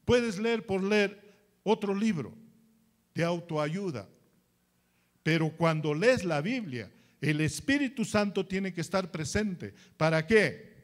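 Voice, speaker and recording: Slow, high-voiced Peruvian pastor preaching. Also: male voice. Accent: Peruvian Spanish. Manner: slow, emphatic preaching with rhetorical questions. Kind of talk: sermon.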